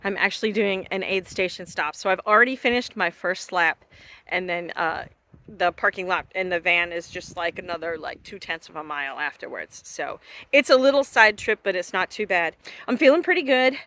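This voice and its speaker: A woman's voice: lowish voice, animated, normal speed, bright, forceful tone, no room sound. A woman talking casually and thinking aloud while on the move in a trail race, giving chatty vlog check-ins outdoors. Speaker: vlogger running a trail race. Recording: noisy outdoor handheld recording with clicks.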